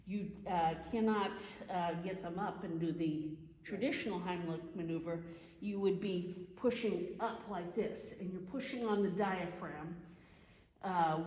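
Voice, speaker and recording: A woman instructor giving an informal hands-on first aid demonstration, explaining step by step and halting as she thinks. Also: on the low side, a little mellow. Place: large reverberant room. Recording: echoey hall, faint background noise.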